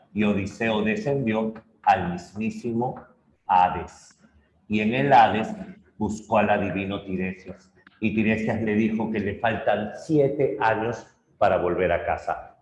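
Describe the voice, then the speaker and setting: Guy teaching lit, telling a myth with lots of drama, echoey room. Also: fairly low pitch. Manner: animated retelling, acting out characters. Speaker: literature teacher. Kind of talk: storytelling lesson. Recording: roomy echo.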